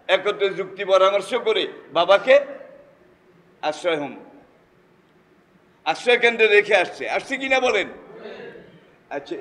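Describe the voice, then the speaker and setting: High-voiced Bangladeshi preacher in reverberant hall. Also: male voice, fairly bright tone. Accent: Bangladeshi Bengali. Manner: rhetorical questions to the congregation, acts out dialogue. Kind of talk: Friday sermon.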